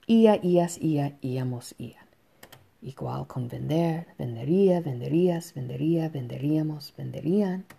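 A woman teaching a Spanish lesson to students, explaining slowly and patiently with soft fillers between points. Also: low voice, creaky. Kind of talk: recorded online lesson.

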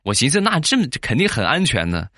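A man's voice: mid-range voice, huge pitch swings, quick pace, pushed and bright, no room sound, studio quality. A man from Shandong telling funny personal anecdotes in a chatty way and often asking listeners to agree. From Shandong, China. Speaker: comic storyteller. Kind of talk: comic anecdote narration.

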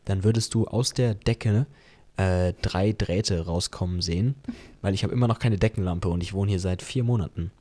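A young man co-hosting a casual podcast chat, relaxed, with casual slang and many fillers. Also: deep voice, normal speed. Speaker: podcast co-host.

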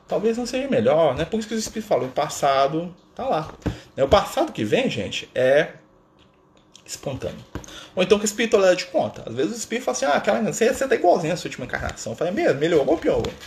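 A man's voice: high-pitched, very animated, fast talker, creaky, a little mellow, slight background noise. A man talking casually to viewers in a spiritual live stream, chatty and playful, tagging sentences with little questions. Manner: chatty, constant "né?" tags, playful asides.

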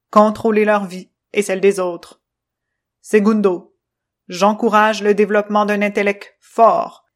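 A woman voicing a strict, controlling male machine character who speaks in a jerky, choppy, robot-like way, loud and clipped, in a children's storybook. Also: medium pitch, natural voice.

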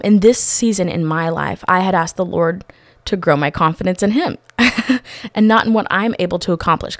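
Brief: woman, lowish pitch, heartfelt testimony, acts out dialogue, dry close sound. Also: dry recording. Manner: earnest, animated retelling with quoted dialogue; many restarts and fillers. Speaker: storyteller sharing a faith testimony. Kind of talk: casual personal testimony.

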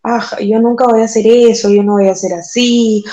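A woman's voice: fairly high pitch, fairly even intonation, a little fast, dark tone. A young woman with a Peruvian Spanish accent co-hosting a podcast, trading playful, teasing banter in casual chat. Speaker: podcast co-host. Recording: roomy echo.

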